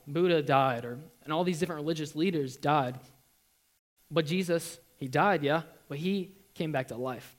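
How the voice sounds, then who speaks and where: A young man giving a church testimony, earnest and halting, with many ums and restarts. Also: a little high.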